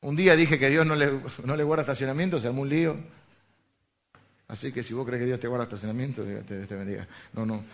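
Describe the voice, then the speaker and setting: Rioplatense pastor preaching conversationally. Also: male voice, medium pitch, fairly even intonation, fast. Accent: Rioplatense Spanish. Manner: conversational preaching with rhetorical questions. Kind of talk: sermon. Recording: dull lo-fi recording.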